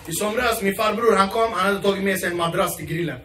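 A man performing stand-up comedy on stage, animated and acting out his relatives in loud, shouting voices. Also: high-pitched, crowd noise. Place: theatre stage before a live audience. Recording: roomy live stage sound from a distance, loud laughing audience.

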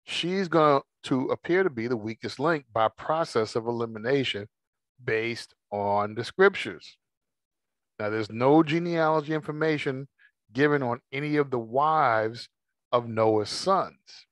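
Measured man teaching scripture, dry sound. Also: mid-range voice, no room sound. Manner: measured, reads verses slowly then explains. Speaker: Bible study teacher. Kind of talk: scripture study talk, reading aloud.

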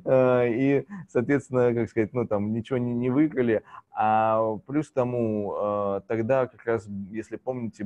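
A man's voice: on the low side, a little mellow, no room sound. A man, a business owner, talking casually as a guest on a video call, hesitant, with many fillers and chuckles. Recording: dull lo-fi call audio.

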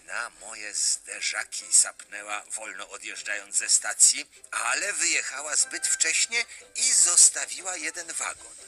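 Animated man reading a children's story. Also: medium pitch, a little slow, hardly any pauses, faint music behind. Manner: expressive, animated.

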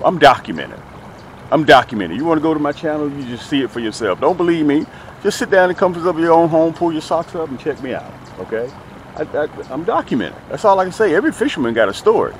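On a small boat out on a lake, a middle-aged fishing-channel host talks to viewers in a casual, folksy way. His voice is fairly high, sing-song and brisk, emphatic and given to repeating phrases. A small action camera mounted near him picks up outdoor noise.

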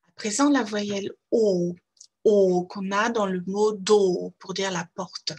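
A woman teaching English vowels to French children, saying each word slowly and repeating it with care. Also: medium pitch, darkish tone, slightly rough. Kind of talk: slow, careful pronunciation lesson.

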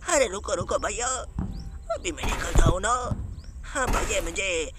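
A man's voice: sits high, expressive, unhurried, heavy background noise. A man voicing a timid, whiny young cartoon sidekick who pleads and frightens easily, acting over gameplay. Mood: scared. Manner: pleading, frightened, calls everyone "bhaiya".

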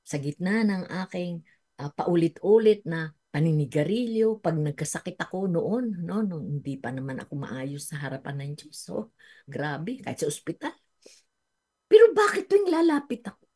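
A woman preaching a sermon on the radio, swinging from soft, slow stretches to loud, high cries and mixing Tagalog with English. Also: lively intonation, husky. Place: radio studio.

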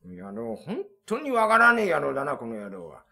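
A man playing a brash, short-tempered Edo-style tough who mocks and scolds with rapid retorts, in rakugo comic storytelling. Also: high-pitched, huge pitch swings, vocal fry, sharp tone, voice pushed down, full character voice. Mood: mocking.

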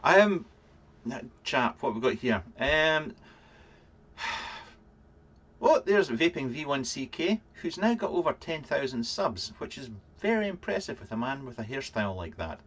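A man in his thirties with a Fife accent from Scotland hosts a casual livestream in a medium-pitched voice. He rambles and halts as he reads out chat comments and answers them with dry humour. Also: sing-song, a bit bright. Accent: Scottish, from Fife. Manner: rambling, halting, dryly joking. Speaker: livestream vlog host. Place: small cluttered home room, indoors.

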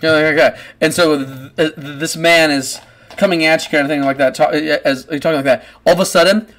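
A man running a tabletop game over an online call, narrating in a loose, rambling way with plenty of restarts. His voice sits fairly high for a man. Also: fairly even intonation, a little fast, fairly bright tone. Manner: rambling, many restarts and fillers. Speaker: game master.

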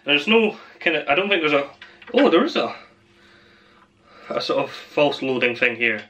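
A man's voice: on the high side, sing-song, moderate pace, sharp tone. A man hosting a casual unboxing vlog, rambling and chatty, often laughing at himself. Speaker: channel host.

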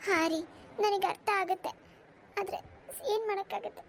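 A gentle young wife from a cartoon, voiced by a woman, speaking softly to calm her husband. Her voice is pitched very high. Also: normal speed, vocal fry. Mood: consoling. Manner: soft, consoling. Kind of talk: cartoon voice acting.

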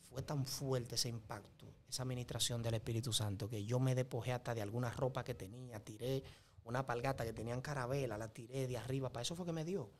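Man, Dominican accent, interview guest, faith testimony, earnest, emphatic, preacher-like cadence, mid pitch. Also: fairly even intonation, quick pace. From Dominican Republic.

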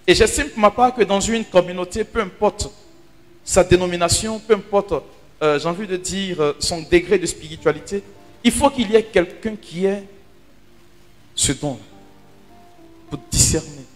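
Animated high-voiced priest preaching. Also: male voice, normal speed, long pauses. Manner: animated storyteller, dramatic drops to hushed asides. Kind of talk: sermon teaching. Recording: hall reverb with faint music.

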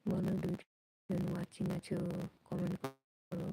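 A woman hosting a live stream from home at night, speaking softly and quietly and coaxing her viewers to comment and chat. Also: fairly low pitch, completely flat delivery, measured pace, vocal fry, poor audio. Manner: speaks softly and quietly so a sleeping baby stays asleep.

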